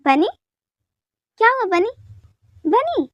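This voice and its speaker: A woman playing a fretful middle-aged mother who keeps asking what went wrong, in a very high, quick voice. The recording is dry and close. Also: big pitch swings, no room sound, dull audio, heavily acted. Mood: worried. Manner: concerned questioning.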